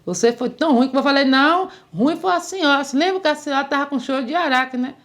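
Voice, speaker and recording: Animated woman telling a story. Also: sits high, fast. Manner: animated, acts out quoted voices. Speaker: interviewee. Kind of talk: casual storytelling.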